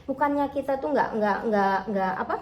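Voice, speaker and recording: A food-selling vlogger from Indonesia talks in a fairly high, darkish voice at a moderate pace, her home kitchen sounding echoey. Her Javanese accent is mixed with Malay, and she chats with viewers, calling out "teman-teman, ya" again and again. She also refers to herself in the third person.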